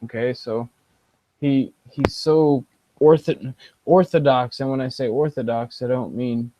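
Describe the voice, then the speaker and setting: A man's voice: medium pitch, steady tone, a little slow, warm tone, slight background noise, low-quality recording. A man co-hosting a podcast in casual chat, rambling with restarts. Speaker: podcast co-host.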